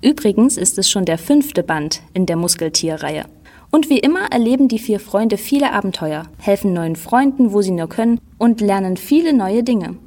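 A woman library presenter introducing a children's book in a lively manner. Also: mid-range voice, normal speed.

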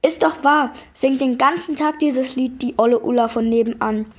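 A woman voicing a grumpy old grandfather who denies liking a children's show and then sings its song, in a raised, slow voice. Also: breathy edge. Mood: indignant. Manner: sings in a slow, high, put-on voice.

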